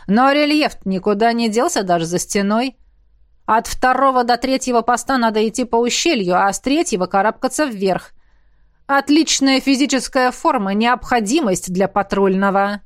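A woman voicing a gruff, burly male academy coach who barks orders at his students. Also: fairly high pitch, moderate pace, dry recording, clean studio sound, close to an everyday voice. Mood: lecturing. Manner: barking commands, shouting. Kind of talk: audiobook character voice.

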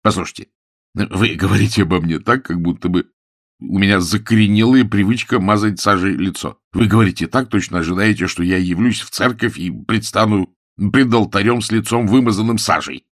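A man's voice: lowish voice, brisk, no room sound, studio quality. A man reading aloud and voicing a flustered young man who blusters in protest. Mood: indignant. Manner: blustering, indignant.

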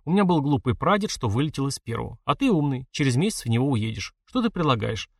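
A man's voice: medium pitch, big pitch swings, quick pace, a little mellow, breathy edge, no echo, clean studio sound. A man reading an audiobook, voicing a sulky, defensive teenage village boy who snaps and grumbles. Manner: snappish, grumbling.

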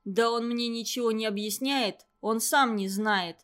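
A sullen schoolboy, as a woman reads him, talks back with slow, bitter defiance. The voice stays fairly high and a little pushed. It comes from a storybook reading. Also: fairly bright tone, clean tone. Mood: sullen angry.

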